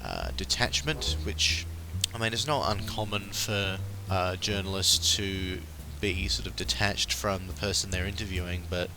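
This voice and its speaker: Still recovering from flu, an Australian man chats through a solo pop culture podcast, unhurried and heavy on ums and uhs. His voice sits low, and background noise is audible.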